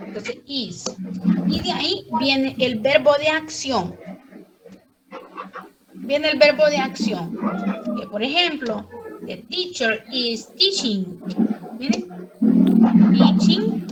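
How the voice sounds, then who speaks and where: Slow, high-voiced woman teaching grammar. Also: background noise. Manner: patient, explains step by step. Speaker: English teacher. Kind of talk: classroom explanation. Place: classroom.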